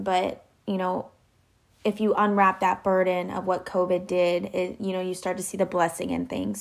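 A woman's voice: mid-range voice, creaky. A young woman hosting a faith-based question series, talking casually to camera and laughing between rambling answers. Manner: chatty, rambling, laughs often.

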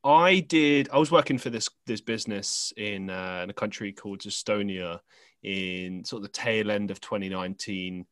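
Low-voiced young English man, rambling. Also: normal speed, fairly bright tone, clear, resonant tone, dry recording. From England. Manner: rambling storyteller, frequent fillers and restarts. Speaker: podcast host. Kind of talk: casual conversation.

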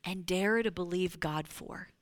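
A woman preaching a sermon to a congregation. She talks to them directly, slips into hushed whispers and then rises to loud exclamations. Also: lowish voice, unhurried, dry recording. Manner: addresses the congregation directly, with frequent "you know".

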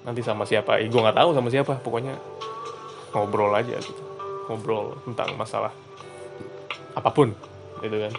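A man's voice: on the low side, level tone, normal speed, vocal fry, pauses often, over music. Chatty young man. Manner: chatty, slangy, laughs at own stories. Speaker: podcast host. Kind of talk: casual solo storytelling.

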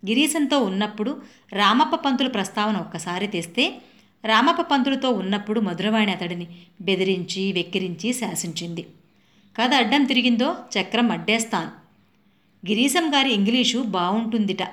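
A woman's voice: medium pitch, expressive, normal speed, a bit bright. Woman reading a literary review. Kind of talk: reading a book and film review.

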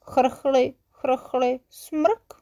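A woman's voice: medium pitch, lively intonation, a little mellow, lightly acted. A woman voicing a sulky, stubborn sick little male creature who whines and sniffles. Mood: sniffly. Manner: whiny, sniffly, wailing.

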